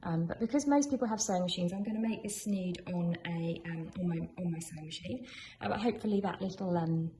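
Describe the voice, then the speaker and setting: Female tutorial host: encouraging, conversational, slightly low-pitched, recorded in a roomy space with clear noise behind. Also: fast talker, dark tone. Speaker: sewing tutorial presenter. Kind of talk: informal craft tutorial, talking through a demonstration. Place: indoors in a room at home. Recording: echoey room, clear background noise of drilling. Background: builders' drilling and work noise.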